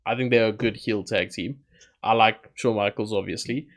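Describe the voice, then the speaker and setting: A man's voice: lowish voice, fairly even intonation, moderate pace. A man co-hosting a wrestling podcast, giving blunt opinions and short agreeing replies. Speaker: podcast co-host. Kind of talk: casual wrestling review chat.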